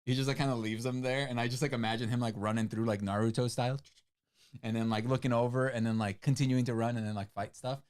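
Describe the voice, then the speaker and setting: This fast-talking man has a clear, resonant mid-range voice and speaks English as a second language. Co-hosting a book club livestream, he chats casually, rambling through animated retellings full of "like."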